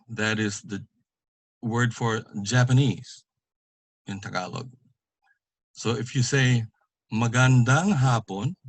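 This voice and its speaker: A man giving an online language lesson, speaking slowly and carefully and repeating each example word for pronunciation. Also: mid-range voice, husky, no room sound. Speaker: language teacher.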